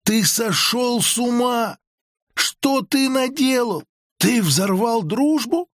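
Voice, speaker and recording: A man voicing a hoarse, frantic young woman in a spaceship who cries out and pleads, in an audiobook. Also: very high voice, animated, takes it slowly, dry recording, clean studio sound, pitched above the performer's own voice, heavily acted. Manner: pleading, crying out.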